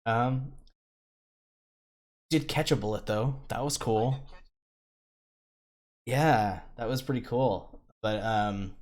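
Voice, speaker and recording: A man's voice: mid-range voice, slow, long pauses. A man narrating a tabletop game as game master on a live stream, in a casual, loose way with many fillers.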